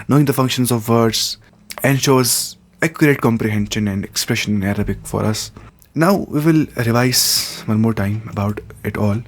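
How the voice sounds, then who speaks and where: A man teaching an introductory grammar lesson, repeating terms and examples and glossing each one in English. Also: medium pitch. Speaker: Arabic teacher.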